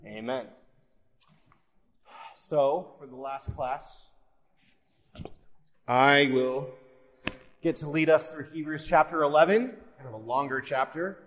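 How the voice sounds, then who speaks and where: A man's voice: a little high, slow pace, long pauses, a bit bright. A man leading an informal Bible study and prayer in short, hesitant phrases, with a digital echo effect on the microphone. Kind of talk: informal class teaching and prayer. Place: class session, live group. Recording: odd echo effect on class recording.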